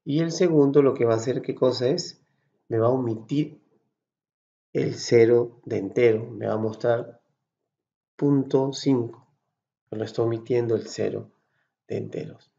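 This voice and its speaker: Man with a Peruvian accent, patient spreadsheet tutorial, gravelly mellow voice, dull lo-fi mic. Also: mid-range voice, steady tone, normal speed. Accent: Peruvian Spanish. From Peru. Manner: patient, explains step by step, checks in with frequent "¿sí?" and "¿correcto?". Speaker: Excel course instructor. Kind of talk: screen-recorded software tutorial.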